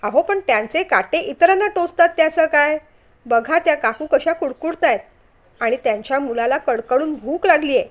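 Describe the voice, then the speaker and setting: A woman voicing a kind, earnest young woman who pleads warmly, in a storybook reading. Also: high-pitched, expressive, normal speed. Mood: pleading.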